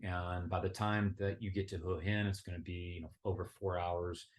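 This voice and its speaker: A middle-aged man with a relaxed, conversational manner, giving casual travel advice full of fillers and restarts. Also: low-pitched, normal speed. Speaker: travel vlogger.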